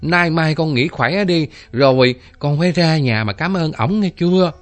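A man's voice: a little high, moderate pace, faint music behind, close to an everyday voice. A man voicing a pious, fretful elderly mother who lectures and pleads, repeating her words. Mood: pleading.

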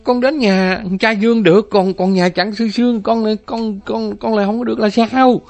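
A man's voice: high voice, steady tone, moderate pace, gravelly, a little mellow, voice pushed up. A man voicing a pious, fretful elderly mother who lectures and pleads, repeating her words. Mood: pleading.

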